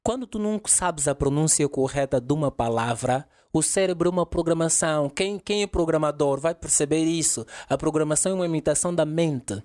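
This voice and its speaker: A man's voice: a little high, a little fast, few pauses, a little mellow. A man, an English teacher explaining emphatically in a podcast interview and dropping in English example phrases.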